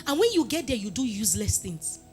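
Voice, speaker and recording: A woman with a Nigerian accent giving a lively motivational talk, switching between Pidgin and English and rising to loud, emphatic peaks. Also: on the high side, fairly quick, soft background music. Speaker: motivational speaker.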